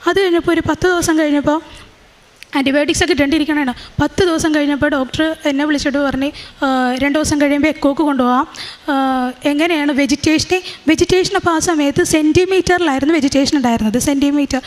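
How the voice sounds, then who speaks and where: A young woman giving a spoken faith testimony, earnest and halting, with many fillers and restarts. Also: high-pitched. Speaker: testimony giver.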